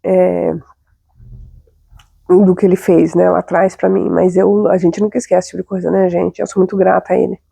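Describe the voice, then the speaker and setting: A woman's voice: on the low side, little pitch movement, normal speed, gravelly, warm tone, breathy edge, dry recording. A young adult woman with a Brazilian Portuguese accent, hosting and telling a personal story in a chatty, confiding way with frequent tag questions. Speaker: host.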